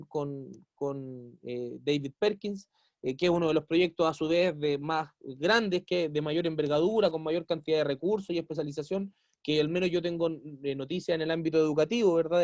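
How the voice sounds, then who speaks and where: A man lectures a university class in an explanatory tone. His voice sits high, and he keeps asking rhetorical questions and acting out little quoted exchanges. The recording is dry and close, with no room sound. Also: a little mellow, dry recording. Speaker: teacher.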